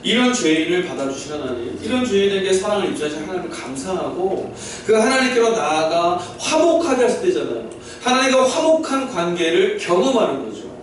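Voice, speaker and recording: A man's voice: high voice, big pitch swings, brisk, hardly any pauses, slight background noise. A male pastor preaching a sermon to a mixed-age congregation, explaining things and asking them questions. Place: church sanctuary. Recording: very echoey hall, distant mic.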